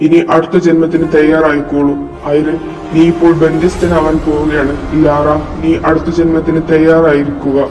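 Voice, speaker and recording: A man's voice: a little high, little pitch movement, moderate pace, close to an everyday voice. A man voicing a solemn, commanding male lord who speaks formally, like pronouncing a judgment. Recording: echoey room with long reverb, from far off, music behind.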